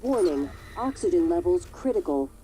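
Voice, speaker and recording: Calm ship computer voice. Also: female voice, lowish voice, normal speed, faint music behind, rough recording. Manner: calm, even, automated warnings. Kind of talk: video game voice acting.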